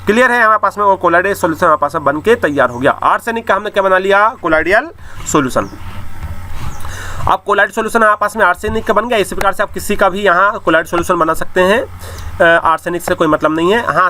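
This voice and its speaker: A man teaching chemistry online in speech, repeating key terms and addressing students directly. His voice sits high and bright. A faint hiss runs under the recording. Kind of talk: online class lecture.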